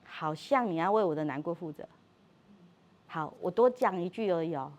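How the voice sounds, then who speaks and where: Middle-aged woman, parenting workshop speaker, animated, acts out dialogue, frequent laughter. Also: on the low side, normal speed, lo-fi sound. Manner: animated, acts out quoted dialogue, repeats words, laughs often. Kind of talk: lively parenting talk.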